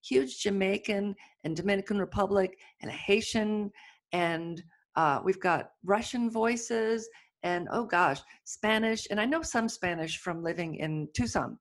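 A woman chatting casually and telling lively personal stories with enthusiasm. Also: mid-range voice, measured pace. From United States. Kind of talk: casual chat.

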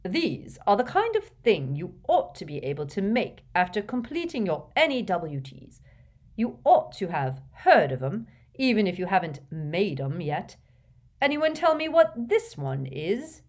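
A woman voicing a jovial, portly old male potions teacher who talks in a booming, effusive, fatherly way. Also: sing-song, a little slow.

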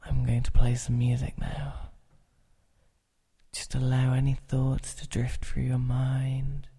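A man guides a relaxation session in an extremely slow, drawn-out delivery. His voice is very dark and mellow and stays almost level in pitch. He is calm and soothing, sometimes sinking into a soft whisper. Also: slightly rough.

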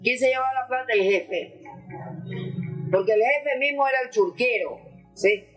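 A woman's voice: a little high, normal speed, breathy edge, faint music behind, poor audio. An older woman giving a rambling, breathless testimony as a grieving mother, calling the listener mamita and mijo. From Ecuador. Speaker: mother of a prison victim. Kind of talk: emotional testimony.

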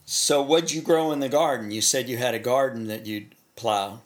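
A man's voice: medium pitch, normal speed. A man interviewing someone in a casual, conversational way, asking simple questions.

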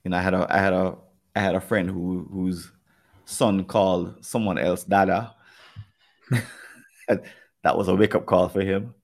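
A man with a Jamaican accent hosts a podcast in a casual, reflective way. His voice sits fairly low and has a gravelly fry to it, and he often speaks directly to the people listening. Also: steady tone, a little slow, long pauses. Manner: earnest, reflective talk that addresses listeners directly. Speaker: podcast host.

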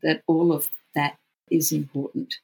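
An Australian speaker with a gravelly, husky voice who says w for r, talking reflectively as an interview guest. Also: medium pitch, flat delivery, unhurried, darkish tone. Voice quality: cannot pronounce R's well, says w for r. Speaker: podcast guest, futurist researcher.

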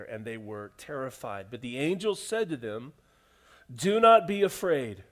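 Man, high voice, pastor delivering a sermon, loud-to-hushed swings, repeated phrases, rhetorical questions. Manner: dynamic preaching, swings from loud emphasis to hushed quiet; repeats phrases for emphasis, asks the audience questions.

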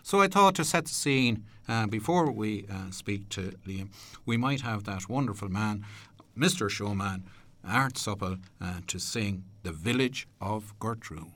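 A man with an Irish accent hosting a radio programme from a studio, presenting in an unhurried, courteous, slightly hesitant way. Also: fairly low pitch, lively intonation, sharp tone. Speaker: radio host. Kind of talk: radio presenting, part prepared narration, part chat.

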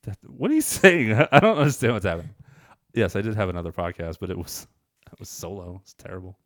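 A man's voice: on the low side, fast talker, no room sound, clean studio sound. A man hosting a podcast in casual chat, joking and telling stories animatedly. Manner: animated, joking, lively storytelling. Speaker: podcast host.

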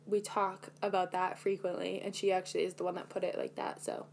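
A woman's voice: on the low side, little pitch movement, fairly quick, gravelly. A young woman co-hosting a podcast, telling a dating story in a chatty, self-mocking way with lots of fillers. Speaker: podcast co-host. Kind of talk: casual chat.

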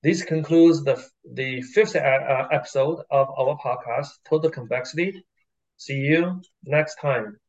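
A man co-hosting a podcast in casual, somewhat halting unscripted speech. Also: mid-range voice, muffled recording. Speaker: podcast co-host.

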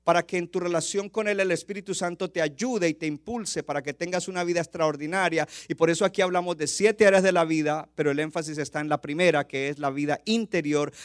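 A man's voice: on the high side, smooth, dry recording, clean studio sound. A man preaching a sermon as pastor, passionate, building intensity and acting out quoted lines.

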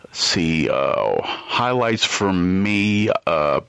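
A man leaving a rambling voicemail message that is played back, pausing often with uh fillers. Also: sits low, sing-song, creaky, fairly bright tone, clean tone, no room sound. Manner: hesitant, with frequent uh fillers. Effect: played-back voicemail recording. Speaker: listener sending a voicemail.

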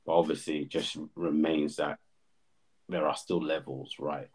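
A man giving measured, thoughtful opinions in casual football chat. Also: rumbling low, level tone, darkish tone, husky.

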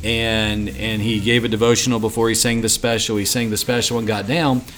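A man with a slightly low voice hosts a ministry podcast in loose, casual conversation. He rambles and doubles up on words as he restarts sentences, with a faint hiss behind him. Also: level tone, fairly quick, fairly bright tone. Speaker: podcast host for ministry assistants.

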